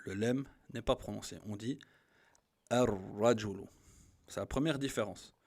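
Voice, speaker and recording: A man gives a patient grammar lesson. He has an even, mid-pitched voice. He slows down and leans on each example word as he repeats it. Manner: patient, repeats each example slowly and stresses the Arabic words. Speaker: Arabic teacher.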